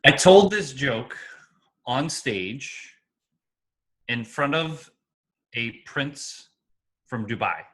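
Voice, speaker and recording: A man telling dad jokes in a joke battle, with slow, deliberate setups and punchlines. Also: medium pitch, sing-song, a bit bright.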